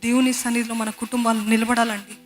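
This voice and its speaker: A woman's voice: on the high side, little pitch movement, fast, soft background music. A woman preacher giving an earnest, pleading sermon, acting out prayers and slipping into English.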